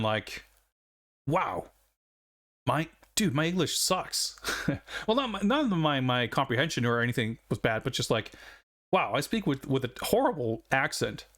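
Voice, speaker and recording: A Swedish man in his forties, a native Swedish speaker, chats casually on a game stream, rambling and reflective, with frequent chuckles. His voice is mid-range with a fairly bright tone.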